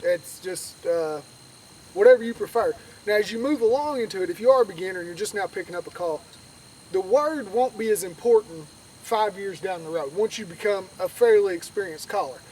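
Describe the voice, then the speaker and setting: Male instructor, noticeably high voice, conversational teaching style, distant outdoor recording with faint noise. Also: animated, a little fast, a little mellow. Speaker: duck calling instructor.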